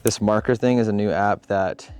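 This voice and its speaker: A man's voice: lowish voice, fairly even intonation, moderate pace, a little mellow, clear, resonant tone, faint music behind. A man chatting on set outdoors on a farm while explaining his video gear to a friend. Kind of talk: casual on-set chat. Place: outdoors on a farm in wind and rain.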